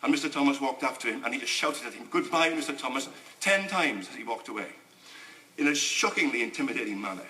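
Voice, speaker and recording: A man giving an indignant, emphatic parliamentary speech in a debating chamber, with halting restarts. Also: mid-range voice, expressive, pushed and bright. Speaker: member of parliament. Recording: echoey chamber.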